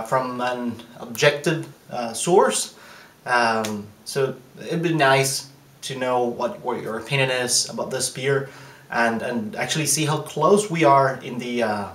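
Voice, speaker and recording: A man giving a casual, thoughtful taste review of his own beer, pausing often with fillers and restarts. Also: mid-range voice, a bit bright, roomy sound. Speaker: home brewer.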